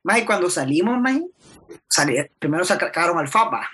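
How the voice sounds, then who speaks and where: A man's voice: high voice, expressive, moderate pace, bright, forceful tone, slightly rough. A young man with a Salvadoran accent telling a rambling story in slangy casual chat, dropping "maje" constantly.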